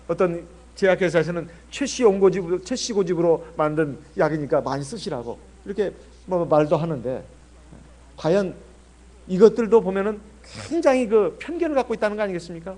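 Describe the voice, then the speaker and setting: High-voiced Korean pastor preaching. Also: male voice, lively intonation, fast talker, mellow. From Jeolla, South Korea. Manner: conversational preaching with rhetorical questions. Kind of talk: sermon.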